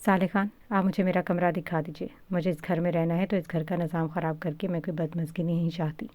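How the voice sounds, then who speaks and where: A woman's voice: fairly low pitch, level tone, no room sound, natural voice. Woman reading a defiant hot-tempered girl. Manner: sharp, angry retorts.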